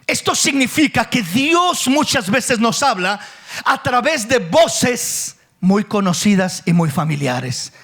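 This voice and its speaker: High-voiced pastor preaching a sermon. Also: male voice, very animated, takes it slowly, fairly bright tone. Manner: preaching with questions and acted quotes.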